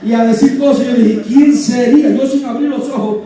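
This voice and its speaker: A man telling his testimony, in an animated, chuckling way, with a high but mellow voice. He sounds distant, and the church hall around him echoes heavily. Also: a little fast. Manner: animated storytelling, chuckling, dramatic sound effects. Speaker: church member giving testimony. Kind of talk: emotional personal testimony. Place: church sanctuary.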